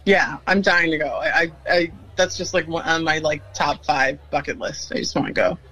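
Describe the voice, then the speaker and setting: Male podcast co-host, high-pitched, eager casual chatter. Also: moderate pace, sharp tone, husky, soft background music, low-quality recording. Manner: eager, chatty, says "like" a lot. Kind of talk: casual chat.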